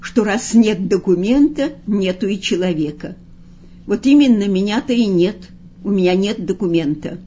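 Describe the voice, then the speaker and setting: A woman doing a soft, hesitant weary man. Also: high voice, expressive, normal speed, husky, highs cut off. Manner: soft, subdued, murmuring. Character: weary gentle man, a former writer.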